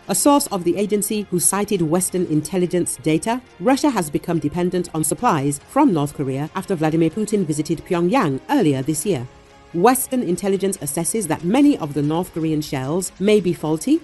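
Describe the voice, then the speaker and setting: A woman with a somewhat low voice reads a scripted news report in a steady, formal way. Faint music runs under her voice-over. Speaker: news narrator.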